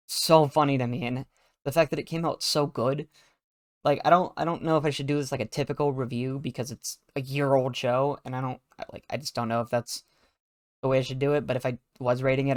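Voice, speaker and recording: A man's voice: fairly high pitch, no echo. Rambling young man, dry sound. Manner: rambling, laughing often, many fillers. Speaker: video creator. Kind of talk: casual chat.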